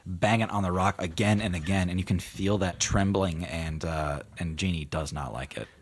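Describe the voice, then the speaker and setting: A man narrating a tabletop game as game master in a casual, halting, improvised way. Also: low-pitched, a little hiss or hum.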